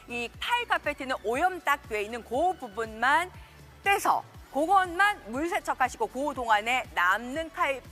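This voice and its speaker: A woman's voice: high-pitched, pushed and bright. A woman hosting a live home shopping broadcast in an urgent, emphatic hard-sell manner, repeating the key points of the offer.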